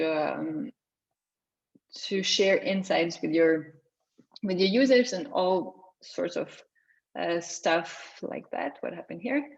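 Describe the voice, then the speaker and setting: A young woman from Lithuania giving a conversational talk at an online meetup, often restarting her sentences. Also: lowish voice. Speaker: guest speaker. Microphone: video call. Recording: slightly dull video call audio.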